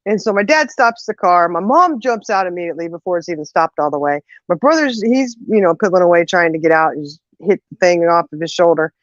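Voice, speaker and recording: A woman co-host in a casual chat, telling a story in an animated way and acting out the quotes, on a dull lo-fi recording. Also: fairly low pitch, fairly quick, few pauses, no room sound. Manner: animated, acts out quotes, laughs often.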